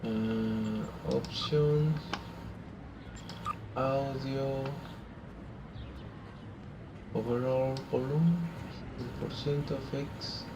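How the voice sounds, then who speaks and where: A native Spanish-speaking man streaming a game, muttering halting, casual commentary to himself. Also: medium pitch, muffled recording, noisy background. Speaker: live streamer. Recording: clear game music behind voice.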